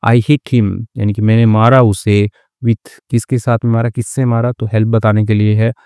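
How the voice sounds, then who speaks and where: A man teaching English through a story, reading each English phrase slowly and then explaining it in a patient, chatty way. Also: on the low side, little pitch movement, mellow, clear, resonant tone, no room sound, studio quality. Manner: reads English lines slowly, then glosses them.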